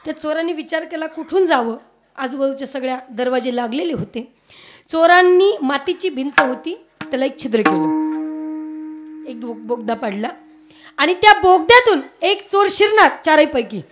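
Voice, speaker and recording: High-voiced woman preaching a Marathi kirtan. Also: animated, moderate pace. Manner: asks the audience questions, shifts between speech and sung verses. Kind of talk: devotional kirtan sermon with storytelling and singing.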